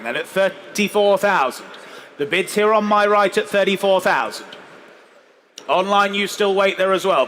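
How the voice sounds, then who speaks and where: High, bright-voiced male auctioneer, polished patter. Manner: polished, courteous auctioneer patter, coaxing bidders. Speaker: classic car auctioneer. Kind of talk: live auction calling, repeating bids. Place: large indoor show hall, live saleroom. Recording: noisy auction hall ambience.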